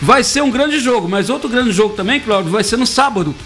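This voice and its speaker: A man's voice: extremely high pitch, animated, fast talker, fairly bright tone. A man from Brazil doing casual, joking sports talk as a radio commentator, teasing his co-hosts.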